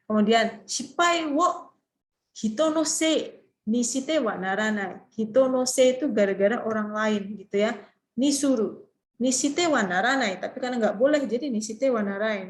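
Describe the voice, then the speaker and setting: A woman's voice: medium pitch, darkish tone, a little hiss or hum, rough recording. A woman teaching Japanese grammar in an online class, explaining patiently and calling on students to read.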